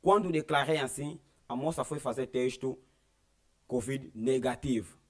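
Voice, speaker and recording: A man's voice: medium pitch, measured pace. Young Angolan-accented man telling his faith testimony earnestly, voicing each quoted line. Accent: Angolan Portuguese. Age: young adult. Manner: earnest storytelling that acts out quoted dialogue. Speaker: church member giving testimony. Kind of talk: personal religious testimony.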